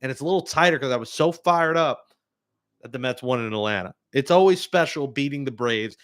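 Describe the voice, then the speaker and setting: A man hosting a live postgame reaction show, talking through the game with excitable, joking fan commentary. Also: mid-range voice, brisk. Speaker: sports talk host.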